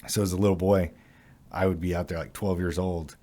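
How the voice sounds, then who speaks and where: A man from Utah and California co-hosting a casual podcast, talking haltingly and self-deprecatingly with many fillers. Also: sits low, fairly even intonation, dark tone. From Utah and California, USA. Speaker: podcast co-host.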